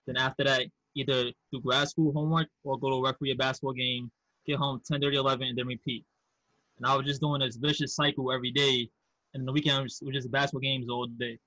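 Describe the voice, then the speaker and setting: A man's voice: medium pitch, little pitch movement, fast talker, sharp tone, no room sound, rough recording. A man from Queens, New York with a Queens accent, talking candidly and casually as a podcast guest. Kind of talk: casual conversational interview.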